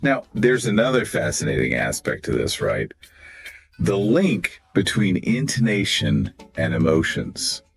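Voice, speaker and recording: Deep, animated male podcast co-host. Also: a little slow. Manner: animated, demonstrates phrases with exaggerated pitch swings. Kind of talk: scripted podcast dialogue. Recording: soft music behind the voice.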